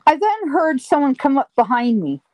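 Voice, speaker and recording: Woman, interview guest, dramatic storytelling, drawn-out emphasis, higher voice. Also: very animated, a little mellow, dry recording, rough recording. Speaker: guest recounting paranormal experiences. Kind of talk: first-person storytelling in an interview.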